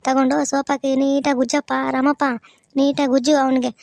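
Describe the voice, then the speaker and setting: A woman's voice: high voice, flat delivery, fairly quick, darkish tone, no room sound. A woman voicing a bossy village mother in a cartoon who gives instructions and hurries everyone along. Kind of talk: cartoon voice acting.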